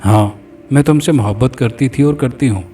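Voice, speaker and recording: A man's voice: medium pitch, dark tone, lightly acted. A man voicing a sorrowful young woman's ghost who speaks earnestly. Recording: distant mic, faint background music.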